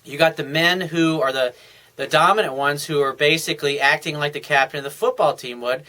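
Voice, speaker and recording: A man's voice: a little high, fairly quick, pushed and bright. A man coaching on dating in a loose, conversational monologue full of fillers and restarts, sounding tired. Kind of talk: casual advice monologue.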